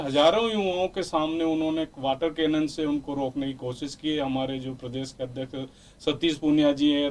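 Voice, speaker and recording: A man arguing forcefully as a party spokesman in a heated televised debate, repeating points in a campaign-style way. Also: fairly high pitch, recorded from a distance, a little hiss or hum. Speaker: youth wing party spokesman.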